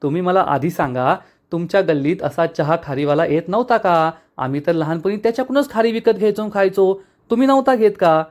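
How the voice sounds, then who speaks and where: A man voicing a chatty, cheeky young wife who teases and argues in rapid, mock-indignant bursts. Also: fairly low pitch, a little mellow, lightly acted. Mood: chattering, teasing.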